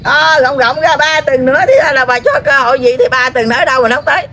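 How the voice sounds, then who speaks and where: A woman with a Southern Vietnamese accent speaks in trance, channeling an elderly grandmother spirit. Her voice sits a little high, and she scolds and rambles, circling back to the same points with drawn-out fillers, over a faint background hiss. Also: fairly even intonation, bright, forceful tone. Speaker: spirit medium.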